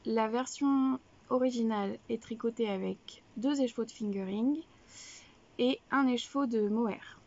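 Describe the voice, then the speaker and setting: A woman's voice: a little high, moderate pace, a little mellow, highs cut off. A young woman hosting a knitting video podcast, chatting casually and rambling with many fillers and self-corrections. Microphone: camera, showing items to viewers.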